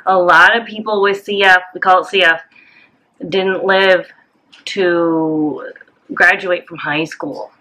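A woman's voice: on the low side, steady tone, slow, sharp tone. A woman co-hosting a vlog in casual chat, upbeat and teasing. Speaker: channel co-host.

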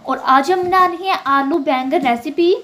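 Her voice sits high and a bit bright, moving at a moderate pace as she narrates a home recipe step by step for a cooking channel. She is friendly and casual, slipping English words in, while food fries and gets stirred in her home kitchen.

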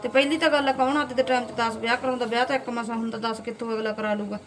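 A woman's voice: fairly high pitch, steady tone, very fast, slight background noise. A middle-aged woman with a Malwai Punjabi accent, vlogging from home and scolding rude commenters. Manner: indignant, scolding, rhetorical. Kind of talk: casual talk to camera.

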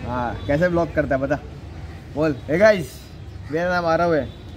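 A man's voice: fairly high pitch, normal speed. A young man from Surat vlogging outdoors in his housing society, casually teasing and coaxing the neighborhood kids. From Surat, India. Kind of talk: casual vlog chat. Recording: noisy outdoor street.

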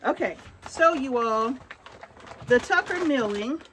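A middle-aged woman talks slowly and casually to her viewers, filming on a phone at arm's length. Her voice sits rather high, and she keeps checking in with the audience. There is faint noise behind her in the open barn. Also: animated. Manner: chatty, addresses viewers directly with frequent check-ins. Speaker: homesteader vlogger. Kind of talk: casual show-and-tell vlog. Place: open wooden barn outdoors.

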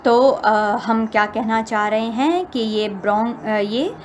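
Woman lecturer, steady explaining. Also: fairly high pitch. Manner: repeats points, reads English lines slowly then explains. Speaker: pharmacology lecturer. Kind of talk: recorded lecture explaining slowly. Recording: faint background noise.

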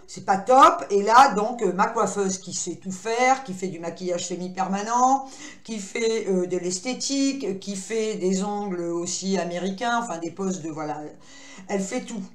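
A woman's voice: medium pitch, roomy sound. A woman vlogging at her computer desk at home, rambling and talkative, poking fun at herself. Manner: rambling, talkative, self-mocking. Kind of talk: casual chatty vlog monologue.

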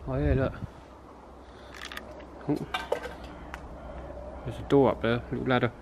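A gravelly, mid-range voice with a steady tone and a slightly slow pace belongs to an English urban explorer vlogger. He casually narrates his trip around an abandoned farm, both outdoors and inside its derelict barns, wondering aloud to viewers over background noise.

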